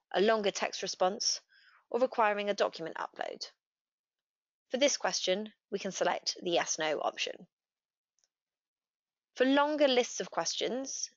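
A woman narrating a scripted software tutorial, walking through each step in a steady, clear way. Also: medium pitch, no echo. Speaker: customer success manager. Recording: dry, slightly dull voice-over.

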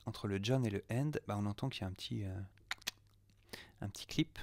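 Low, gravelly French man demoing software. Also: a little fast, dry recording. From France. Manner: chatty, many "euh" fillers, mutters asides half under his breath. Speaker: audio producer demoing software. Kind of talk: casual screen-recorded software test.

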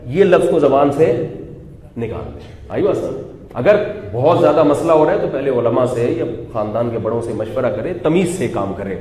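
A man giving a conversational religious lecture, animated, putting rhetorical questions to his audience and joking now and then. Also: mid-range voice. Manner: humorous asides that draw laughter. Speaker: Islamic scholar giving a weekly talk. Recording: echoey hall with faint background noise.

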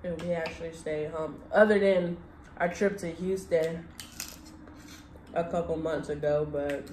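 A woman's voice: low voice, steady tone, measured pace, darkish tone. A young woman chatting casually as a mukbang co-host, chewing while she talks. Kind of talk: casual chat while eating. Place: indoor room at a table. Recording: echoey room, light background noise.

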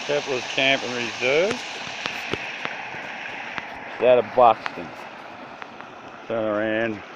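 An Australian man with a mid-range voice takes his time as he films a relaxed tour of a bush campsite, full of slang, jokes, and free swearing. The handheld phone or camera yields a muffled recording, and outdoor background noise is clearly heard.

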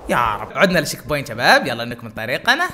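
A gaming YouTuber giving live gameplay commentary, excitable, muttering prayers under their breath and talking straight to viewers. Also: mid-range voice, very fast.

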